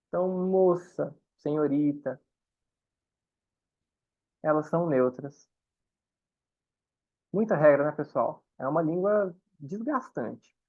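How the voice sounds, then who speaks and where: A man's voice: on the high side, muffled recording. A man teaching a German class online. He explains patiently and keeps checking that the class follows.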